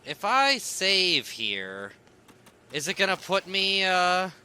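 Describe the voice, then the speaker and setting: A man's voice: sits high, big pitch swings, slow, pushed and bright, slight background noise. A man streaming a game with casual, irreverent, sarcastic and sweary live commentary.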